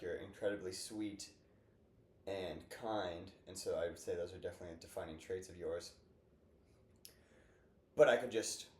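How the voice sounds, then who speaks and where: A young man in his twenties hosts a casual podcast chat, rambling and upbeat and packed with fillers. His voice is low-pitched and a little mellow, recorded in an echoey room with faint noise.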